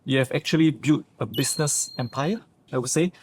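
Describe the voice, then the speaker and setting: A man's voice: mid-range voice, a little fast, slight background noise. A man hosting a podcast interview, friendly, asking leading questions and summing up answers. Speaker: podcast host. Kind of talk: casual interview chat.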